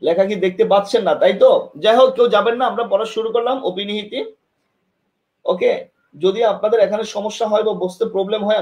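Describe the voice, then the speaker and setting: High-sitting and a little mellow, a man's voice leads an online exam-prep class where he repeatedly goes over material and asks students questions. He demonstrates using tongue and lips, recorded via camera mic in a classroom that has a board.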